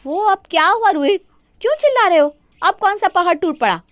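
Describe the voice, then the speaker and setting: A woman's voice: sits high, lively intonation, a little fast, dry recording, studio quality, pitched above the performer's own voice. A woman doing a sarcastic, defiant daughter-in-law. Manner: sarcastic, talking back. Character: sharp-tongued young daughter-in-law, defiant.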